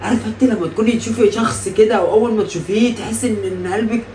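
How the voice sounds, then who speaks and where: A man's voice: high-pitched, fairly even intonation, darkish tone. A young man with an Egyptian accent, teasing and playful in a casual prank vlog. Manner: teasing, playful, rapid-fire. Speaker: prank vlogger. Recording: echoey room, distant mic, background noise.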